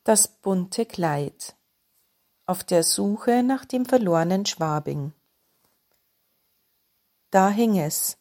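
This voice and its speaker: A woman reads short stories aloud at an unhurried pace. Her delivery is calm and descriptive, lingering on lists of colours and patterns, with a middle pitch. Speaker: narrator. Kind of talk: storybook reading.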